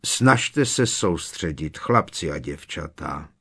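A man's voice: lowish voice, big pitch swings. Man doing a mild, fussy old professor. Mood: gentle. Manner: soft-spoken, slow, prim. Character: elderly male examiner professor, mild and fussy.

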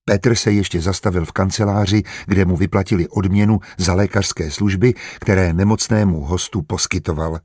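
A man with a husky voice reading an audiobook in steady, even scripted narration. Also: low-pitched, hardly any pauses, no echo, clean studio sound.

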